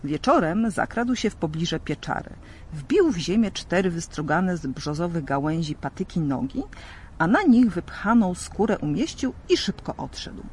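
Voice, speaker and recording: A man narrates a legend with a lively, expressive storybook delivery. His voice sits a little high for a man, and a faint hiss runs under the recording. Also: normal speed. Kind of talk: storybook reading.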